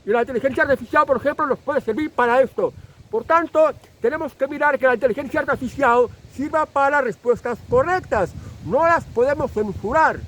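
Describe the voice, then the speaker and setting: A channel host from Spain gives a long political opinion monologue in a very high voice for a man, somewhat bright. He's insistent, repeating his points and filling pauses with small hesitations, and the poor audio carries slight background noise.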